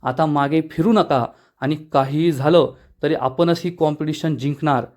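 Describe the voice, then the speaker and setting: An ambitious, scheming young woman, as a male narrator puts her on, pressing her point insistently. The voice stays near the narrator's own, just a touch high. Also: fairly even intonation, moderate pace, a little mellow, lightly acted. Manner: insistent, pushy lines.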